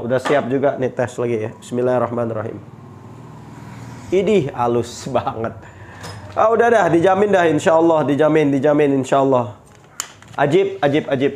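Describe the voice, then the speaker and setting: A knife seller with a stuffy nose from a cold shows off knives in a casual product showcase, speaking at a moderate pace in a darkish, medium-pitched voice. His upbeat selling patter is chatty and sprinkled with pious exclamations.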